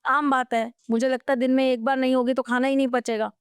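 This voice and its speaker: Woman, podcast guest, smooth resonant voice, fairly high, earnest storyteller, dry studio sound. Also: fast talker, no room sound. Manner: animated storytelling, anecdotes from her own life; advising, earnest. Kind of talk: podcast interview.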